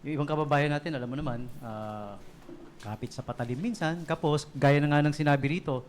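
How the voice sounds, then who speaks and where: A man's voice: a little high, fairly quick, a little hiss or hum. A man hosting a radio show, chatting casually and telling jokes, often ending phrases with a tag question. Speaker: radio DJ and host. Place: radio studio.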